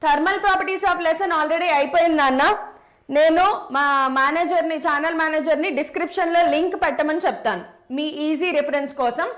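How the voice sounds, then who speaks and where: Woman, high voice, brisk live online physics teacher who repeats every step. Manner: brisk, repeats key steps, mixes English terms into Telugu. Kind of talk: live online lesson with chat replies.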